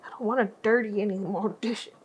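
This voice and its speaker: A woman's voice: mid-range voice, fairly even intonation, a little fast, breathy edge. A young woman vlogging in her home kitchen, chatty and self-mocking as she bakes and talks. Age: young adult. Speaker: lifestyle vlogger. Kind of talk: casual chat while baking.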